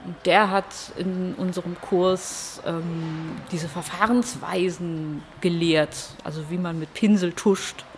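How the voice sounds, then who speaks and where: A woman's voice: fairly low pitch, fairly even intonation, takes it slowly, few pauses, a little hiss or hum. A woman from Hamburg, a comic artist, telling her story in an interview in a reflective way with hesitant fillers. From Hamburg, Germany.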